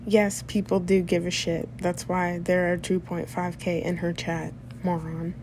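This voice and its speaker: A woman's voice: lowish voice, little pitch movement, a little slow, a little mellow, slight background noise. A woman hosting a reaction video, giving sarcastic commentary that rebuts the clip.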